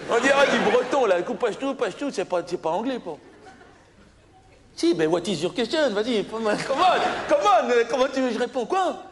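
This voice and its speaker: A man's voice: very high voice, expressive, normal speed, slight background noise, voice pushed up. A man playing a brash young candidate at an oral English exam, argumentative and stammering, on a live comedy stage. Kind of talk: stand-up character sketch. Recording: live stage show, loud laughing crowd. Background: audience laughter.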